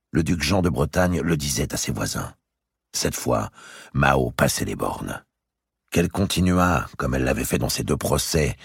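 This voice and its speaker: A man narrating a historical novel as an audiobook, in an expressive, dramatic storytelling manner. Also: rumbling low, vocal fry, slightly rough, no room sound, clean studio sound. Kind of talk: literary narration.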